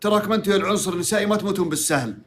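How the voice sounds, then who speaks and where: A man, a sheikh giving advice to a caller in a lively, teasing, quick way. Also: sits high, a little hiss or hum. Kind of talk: live call-in advice.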